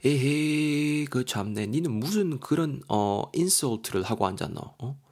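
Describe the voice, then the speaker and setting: A man's voice: medium pitch, animated, measured pace, a little mellow, voice pushed up. A man doing a griping young guy with a Gyeongsang accent. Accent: Gyeongsang Korean. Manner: complaining, one-sided rambling. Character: young man ranting about a bad trip.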